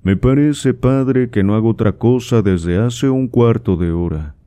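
A man voicing a proud, dry young gentleman. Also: mid-range voice, measured pace, clean tone, close to an everyday voice. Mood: indignant. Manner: dry, formal replies.

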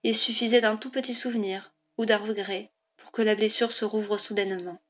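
A woman narrating a novel as an audiobook in a clear, even storytelling delivery. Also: medium pitch, normal speed.

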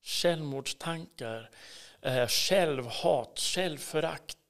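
A man with a Swedish accent telling his personal faith story in an interview, earnest and intense, sometimes dropping to a whisper. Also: a little high. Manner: earnest, swings between hushed whispers and emphatic bursts. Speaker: interview guest. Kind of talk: personal testimony in a casual interview.

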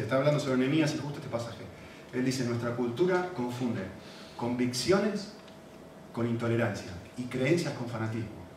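A man's voice: medium pitch, far from the mic. A man with an Argentine accent preaching a sermon, walking through a text and putting questions to the audience. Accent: Argentine Spanish. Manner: conversational, asks the audience questions. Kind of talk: expository sermon. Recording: echoey hall, mic from afar, faint hiss.

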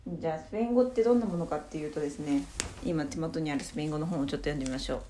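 A woman's voice: deep voice, rapid-fire, dark tone, roomy sound, slight background noise. A woman hosting her own podcast from her room, chatting casually and rambling reflectively with lots of fillers, sleepy at the start. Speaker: podcast host. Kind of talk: casual solo podcast talk.

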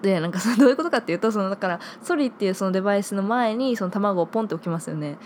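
A woman's voice: mid-range voice, expressive, racing, darkish tone, a little hiss or hum. A woman in her twenties hosting a solo podcast, chatting casually and reading listener mail, with many filler words. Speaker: podcast host.

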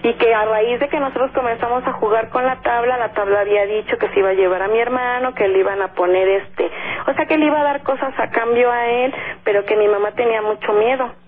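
A woman with a Mexican accent tells a spooky family story as a caller on a radio show. Her voice sits a little high and comes through a narrow, tinny phone line. She stops to act out what others said and fills her pauses with "este". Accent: Mexican Spanish. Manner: lively storyteller who acts out her parents' lines, frequent "este" fillers. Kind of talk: telling a ghost story on a call-in show.

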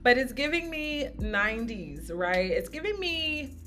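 A woman's voice: on the high side, very animated, unhurried, sharp tone. A woman vocal coach talks through a singing lesson in an upbeat, encouraging way. She explains each run and then sings a short example of it. Faint music plays underneath her voice. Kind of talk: singing lesson with sung demonstrations. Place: home studio podcast.

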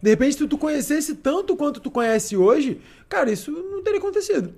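Man, very high voice, fast and lively, slangy podcast host. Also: creaky. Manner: slangy, emphatic reactions. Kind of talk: casual chat.

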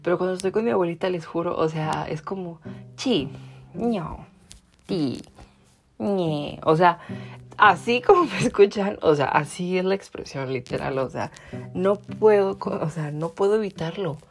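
A man's voice: sits high, a little fast, a bit bright, soft background music. A man with a Mexican accent hosting a podcast, chatting casually to his listeners and filling his talk with "o sea". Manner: chatty, many "o sea" fillers. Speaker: podcast host.

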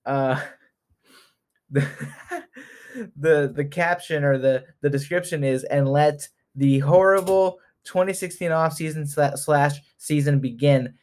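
A man's voice: a little high, slow, darkish tone. Young man chatting casually about sports. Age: 20s. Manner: chatty, laughs easily, self-mocking. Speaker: sports fan vlogger.

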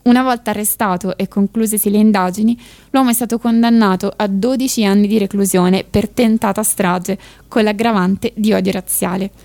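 A woman hosting a radio podcast, speaking in a thoughtful, measured way with some hesitant restarts as she comments and reads aloud. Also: mid-range voice, steady tone, dark tone. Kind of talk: reflective radio commentary and reading.

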